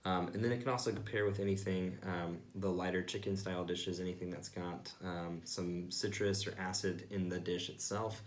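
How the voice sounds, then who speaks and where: A man hosting a wine tasting, giving informal sommelier-style tasting notes in an explanatory way, with frequent ums and pauses. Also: low-pitched, fairly even intonation. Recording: roomy, echoey indoor sound.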